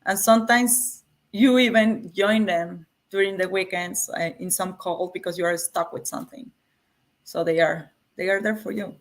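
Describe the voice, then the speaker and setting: A woman's voice: lowish voice, fairly even intonation, moderate pace. Woman with a Mexican accent. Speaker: interview guest, coding school graduate. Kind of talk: casual interview answers.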